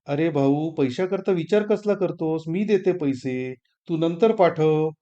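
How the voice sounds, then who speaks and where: A man voicing a generous, fond older sister who talks softly and coaxingly. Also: on the high side, a little slow, lo-fi sound, lightly acted. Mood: affectionate.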